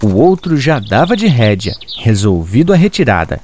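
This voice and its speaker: Expressive storyteller, a man. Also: mid-range voice, moderate pace, a little hiss or hum. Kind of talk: regional folk tale narration.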